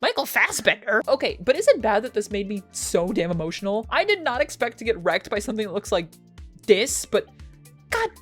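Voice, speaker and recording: Young female film reviewer, sarcastic and profane, lively swooping delivery, faint music under her. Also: fast, few pauses. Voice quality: sarcastic, swears freely. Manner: animated, pitch jumps for jokes. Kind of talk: casual chat.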